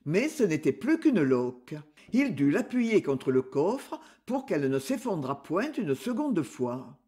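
A man narrating a French literary audiobook in an expressive, measured storytelling manner. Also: fairly high pitch.

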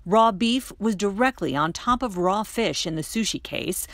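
A middle-aged woman reporter reading a scripted news voice-over in a steady, crisp delivery. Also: medium pitch, normal speed, dry recording, studio quality. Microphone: studio voice-over mic.

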